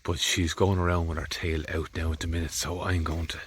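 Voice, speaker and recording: Deep husky-voiced Irish farmer. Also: male voice, flat delivery, fairly quick, no echo. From Ireland. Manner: rambling, chatty, grumbling. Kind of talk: casual vlog narration. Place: outdoors on a farm field, in the rain.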